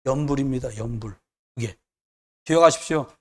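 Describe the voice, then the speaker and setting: A man's voice: mid-range voice, fairly quick, darkish tone. A man preaching a sermon as pastor, emphatic and repetitive, with joking asides.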